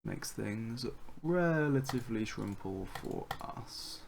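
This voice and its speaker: A man's voice: lowish voice, expressive, slow, gravelly, slight background noise. A man giving casual, muttered commentary over his strategy game, dry and sarcastic as he goes. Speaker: gameplay commentator.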